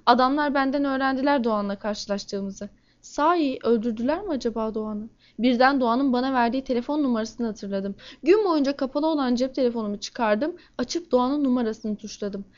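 A woman reading a first-person crime novel aloud in a steady, measured way. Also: fairly high pitch, dull audio. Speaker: audiobook narrator.

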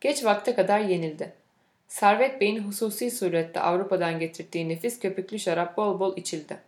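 Female narrator, mid pitch, measured audiobook read, roomy echo. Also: a little mellow.

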